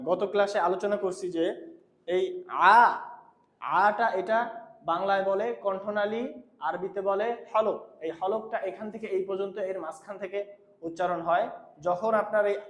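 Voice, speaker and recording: A man teaching Quran recitation, patiently correcting a student's pronunciation and repeating phrases slowly. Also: high-pitched, reverberant. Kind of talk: patient tutoring lesson.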